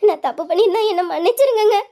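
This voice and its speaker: A woman's voice: very high voice, lively intonation, rapid-fire, dark tone. A woman playing a middle-aged widowed mother in a family drama, speaking in a pleading, tender and tearful manner. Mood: grieving. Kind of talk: emotional family drama acting.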